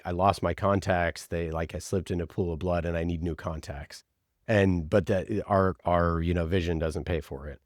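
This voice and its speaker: Clean studio sound and a dry recording carry a man's low voice. He's being interviewed about his work as a podcast producer and tells his stories loosely and with enthusiasm, leaning on the word "like."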